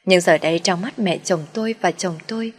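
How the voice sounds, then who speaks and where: A woman narrating a family story in the first person, in a soft, mournful storytelling manner. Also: fairly low pitch, a little fast, slightly rough.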